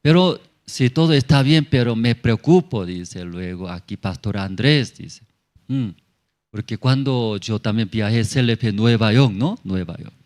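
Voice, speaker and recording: A man's voice: fairly low pitch, animated, measured pace, darkish tone. A male pastor giving a sermon testimony in simple, broken phrasing, often checking in with tag questions. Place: church in La Paz.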